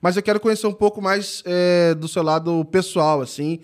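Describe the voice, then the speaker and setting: A man with a somewhat high voice hosts a podcast. He talks in a casual, halting way, with lots of filler sounds and restarts as he introduces his guest and chats with her. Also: fairly even intonation. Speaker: podcast host. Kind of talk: casual interview chat.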